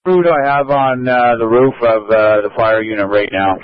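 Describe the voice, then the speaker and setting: A man's voice: mid-range voice, fairly even intonation, moderate pace, smooth, dry recording. A man working as a fire incident commander on a two-way radio, giving procedural dispatch traffic and repeating reports back. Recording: muffled lo-fi fire radio transmission.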